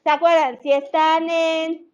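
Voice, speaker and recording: Slow, high-voiced woman teaching. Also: level tone, a little mellow, dull audio. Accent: Mexican Spanish. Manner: slow, patient explaining with checking questions. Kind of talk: online class lesson. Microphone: video call.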